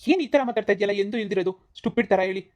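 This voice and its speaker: A woman voicing a short-tempered middle-aged husband, scolding rapidly in a cartoon comedy. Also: mid-range voice, darkish tone, close to an everyday voice. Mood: angry. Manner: scolding, rapid, repeats insults.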